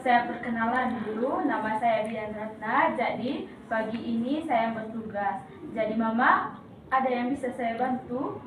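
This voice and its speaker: A woman's voice: on the high side, measured pace. A woman explaining a clinical procedure step by step as a midwife, in a polite, formal customer-service manner. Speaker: midwife demonstrating a patient examination. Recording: echoey room, distant mic, clear background noise.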